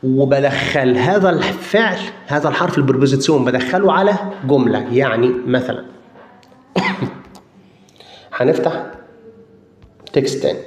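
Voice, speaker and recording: An Egyptian-accented man giving a grammar lesson in a middle-pitched voice, recorded with a roomy echo. He works through each point slowly, repeats words as he searches for the next one, and keeps asking his listeners whether they follow. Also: expressive. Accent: Egyptian Arabic. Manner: explains step by step, checks in with listeners often; drawn-out hesitations and repeated words while thinking. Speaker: German language teacher. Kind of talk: explanatory lesson.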